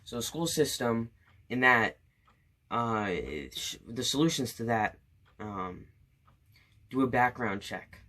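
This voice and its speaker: A man's voice: mid-range voice, slow pace, pauses often, pushed and bright. A young man in his late teens, a student venting his opinions to camera in an indignant, sarcastic rant full of fillers and restarts. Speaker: student vlogger.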